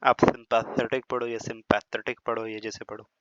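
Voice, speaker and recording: A man's voice: mid-range voice, little pitch movement, a bit bright, a little hiss or hum. A man teaching a biology lesson in a classroom lecture style, chatty, with teasing asides and frequent checks that students follow. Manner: slows down and over-stresses words when demonstrating pronunciation. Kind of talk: classroom-style lecture in Hindi-English mix. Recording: slightly dull, lo-fi, dry recording.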